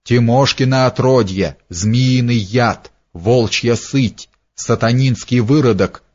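Мужчина озвучивает грубого хрипловатого разбойника, ругающегося по-простонародному. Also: male voice, mid-range voice, takes it slowly, a little mellow. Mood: бранчливо. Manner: rough, swearing. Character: Семён, coarse hoarse robber, cursing. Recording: dull lo-fi recording.

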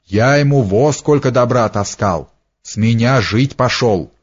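Мужчина читает за разбойничьего атамана Мирона. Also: male voice, medium pitch, a little slow, slightly rough. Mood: с усмешкой. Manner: joyful, folksy speech. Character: Мирон, remorseful freed robber chief, warm. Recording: dull lo-fi recording.

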